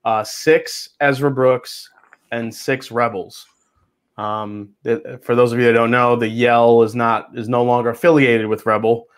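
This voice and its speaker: A man's voice: medium pitch, flat delivery, measured pace, clean tone. A man in his thirties with a mid-range voice joins a casual livestream as a guest. He tells the story in an easygoing, chatty way over a video call.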